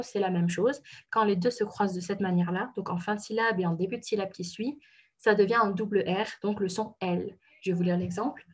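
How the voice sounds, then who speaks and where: A woman teaching pronunciation in a relaxed explanatory way, pausing with fillers and correcting herself. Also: medium pitch, husky. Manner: patient, many fillers and self-corrections. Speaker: Korean language teacher.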